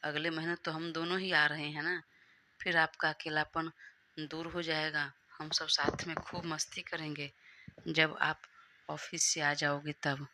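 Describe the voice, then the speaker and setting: A woman's voice: sits low, flat delivery, measured pace, sharp tone, a little hiss or hum. A woman voicing a cheerful teenage younger brother who cheers up his older sister in an audio story. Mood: concerned, cheery. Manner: eager, comforting.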